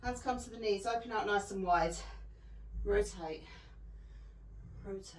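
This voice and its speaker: A woman fitness instructor leading a follow-along workout with calm, encouraging cues, recorded at home. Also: mid-range voice, unhurried, slight background noise. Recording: echoey room, voice from a distance.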